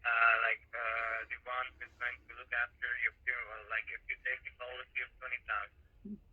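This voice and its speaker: A man working as a telemarketing agent, speaking courteously and haltingly over a telephone line. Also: monotone, breathy edge. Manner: halting, courteous, says sir often. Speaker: insurance call agent. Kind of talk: telemarketing call. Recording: muffled low-fidelity telephone line.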